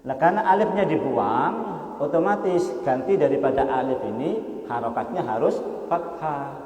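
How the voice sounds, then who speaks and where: A man teaching a Quran study lesson in a mosque, explaining patiently, often asking his listeners rhetorical questions and chanting verses slowly. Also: fairly high pitch, a little mellow. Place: mosque hall. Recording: echoey hall reverb.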